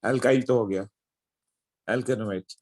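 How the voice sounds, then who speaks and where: Guy teaching chem, talks real slow, checks in with students a lot, dry close sound. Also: mid-range voice, darkish tone, dry recording. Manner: explains step by step, checking with students. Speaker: chemistry teacher. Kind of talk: classroom lecture.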